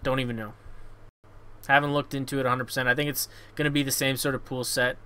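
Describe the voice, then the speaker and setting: A man's voice: mid-range voice, flat delivery, fast talker, sharp tone, smooth. A man hosting a casual gaming podcast, blunt and sweary, often repeating words as he goes. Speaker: show host.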